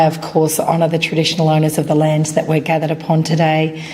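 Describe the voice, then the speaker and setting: Woman, low even voice, raspy from a cold, formal public speaking, some background noise. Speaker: professor and research centre director, guest speaker. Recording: noisy live event room.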